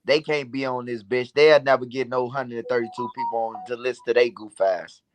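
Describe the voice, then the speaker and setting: A man's voice: mid-range voice, fairly even intonation, fairly quick. A man hosting a livestream, chatting and telling stories casually in slangy, profanity-laced street talk. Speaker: livestream host. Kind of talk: casual livestream chat and storytelling.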